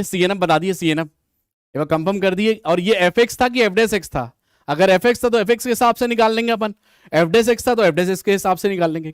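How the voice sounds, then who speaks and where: Male online maths tutor, high voice, Hindi-English mix, thinks aloud and answers student comments, dry close mic. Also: dry recording. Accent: Hindi mixed with English maths terms. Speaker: maths teacher. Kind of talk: live online exam solution class.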